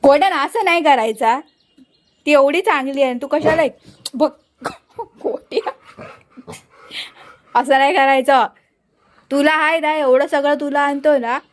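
A woman's voice: sits high, normal speed. A woman hosting a pet channel, talking to her dog and cat in a coaxing, scolding pet-talk voice. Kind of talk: talking to her pets on camera.

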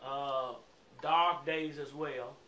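Male interviewer, casual questioning, bright voice, roomy sound with faint noise. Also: medium pitch, steady tone, very slow. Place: living room, indoors. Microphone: camera in the room. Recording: echoey room, faint noise.

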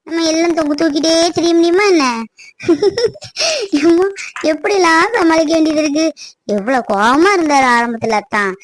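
A woman voicing a cheerful village man just back from fishing in a cartoon, chatting in a relaxed, self-amused way. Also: sits high. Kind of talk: cartoon voice acting.

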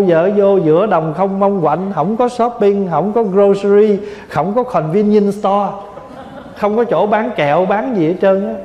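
A Vietnam-born male Buddhist monk in his forties gives a dharma talk in a folksy, humorous way, slipping in English words. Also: high voice. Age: 40s. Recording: dull, echoey hall sound.

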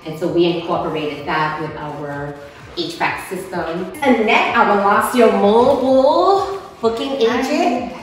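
A woman's voice: mid-range voice, slow pace, recorded from a distance. A middle-aged woman giving an enthusiastic, informal walking tour as a business owner, her voice echoing in a big warehouse space. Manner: enthusiastic, presenting on her feet while walking. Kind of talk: informal walk-through video tour narration. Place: large indoor warehouse and open office. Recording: echoey warehouse, voice away from mic.

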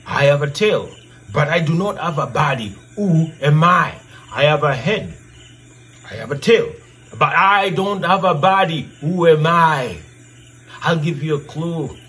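Animated, high-voiced male storyteller. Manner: theatrical, repeats questions, drawn-out emphasis. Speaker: storyteller and channel host. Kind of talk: interactive storytelling, posing riddles to children. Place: indoor room with brick wall backdrop.

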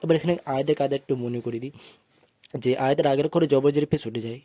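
A man teaching Quran reading, slowly spelling out syllables and chanting short recited phrases in a patient classroom manner. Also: mid-range voice, mellow, no echo. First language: Bengali. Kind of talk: tajweed lesson, spelling out and reciting verses.

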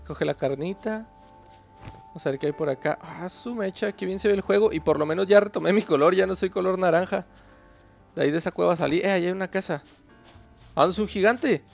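A man's voice: sits high, vocal fry. A man chatting casually to viewers while playing a game, talking to himself and to creatures on screen. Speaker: gaming channel host. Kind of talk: casual gameplay commentary.

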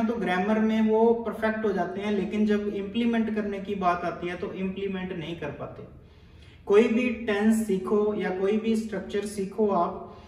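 A man's voice: high voice, darkish tone, far from the mic. A man coaching students for a speaking test, direct and familiar, repeating key words for emphasis. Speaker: IELTS speaking teacher. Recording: echoey room, voice from away from the mic.

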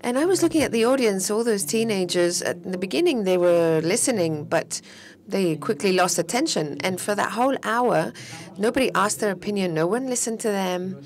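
A woman with a mid-range voice interprets a panel discussion live. She stays steady but halts a little, restarting phrases as she keeps pace with each speaker.

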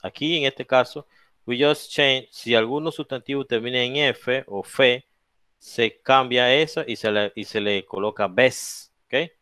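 A male English teacher with a Latin American Spanish accent walks a class through plural rules, switching between English and Spanish. He speaks slowly and spells out letters one at a time. His voice is smooth and resonant and sits close and dry on the mic. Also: medium pitch, sharp tone, dry recording. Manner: explains each rule in English then repeats it in Spanish, checking with "¿ok?" and "¿ya?"; slow, drawn-out spelling of letters and example words. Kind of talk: bilingual classroom lesson.

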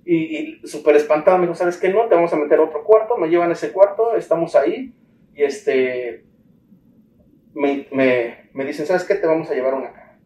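A man's voice: fairly high pitch, a little fast, a little hiss or hum. A man with a Mexican accent gives a personal account in an interview, acting out the conversations he remembers. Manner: animated storytelling, acts out the dialogue he recalls. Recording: roomy echo, distant mic, faint ambience.

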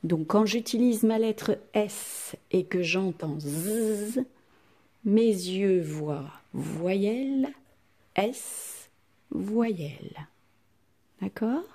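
Teacher, female, recorded home lesson for children: slow, mellow, slightly husky delivery, sounds drawn out. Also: mid-range voice, lively intonation. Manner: slow, clearly articulated, stretches out sounds. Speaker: primary school teacher. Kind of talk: recorded reading lesson for young pupils.

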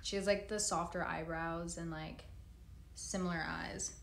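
A woman's voice: on the low side, fairly even intonation, unhurried, vocal fry, fairly bright tone, roomy sound, a little hiss or hum. A woman in her twenties hosting a casual livestream, answering comments in a laid-back, chatty way with frequent swearing, recorded on a phone at arm's length in a plain room. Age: 20s. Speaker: livestream host. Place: large plain room indoors. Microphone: phone camera at arm's length.

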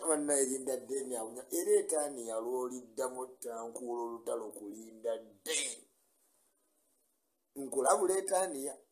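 Older ugandan guy live streaming from a small room on his webcam, chatty, shouts out viewers by name. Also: a little high, low-quality recording. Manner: animated, greets viewers by name, laughs often. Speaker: vlogger. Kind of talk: casual live-stream chat. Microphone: webcam or phone in front.

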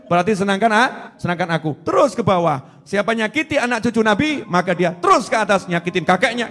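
A middle-aged man, preaching a sermon, animated, going from soft asides to loud emphatic repetition. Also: sits high.

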